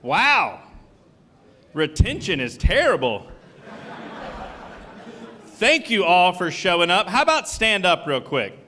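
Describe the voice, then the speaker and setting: Brief: high, bright-voiced male emcee, jokey crowd work, slightly winded. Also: very animated, takes it slowly, pauses often. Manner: joking, upbeat, addresses the crowd directly. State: a little out of breath. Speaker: event host. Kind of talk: live stand-up style emceeing. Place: event stage before a live audience.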